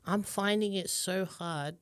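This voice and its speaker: A podcast co-host chats casually, thinking aloud with many pauses and fillers. The voice is mid-pitched. It is recorded dry and close, with no room sound. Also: fairly bright tone, clean tone, dry recording. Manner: thoughtful, hesitant, many fillers. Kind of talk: casual chat.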